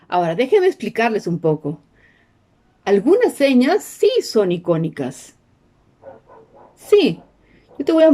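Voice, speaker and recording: Here the teacher's voice sits high, with a darkish tone. Teaching sign language to a class, she walks through the material step by step and keeps questioning her listeners to see that they're following.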